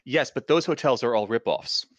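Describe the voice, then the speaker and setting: A man's voice: mid-range voice, normal speed, dry recording. A man playing a tabletop role-playing game, making wry jokey asides. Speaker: player. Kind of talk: tabletop role-play chat.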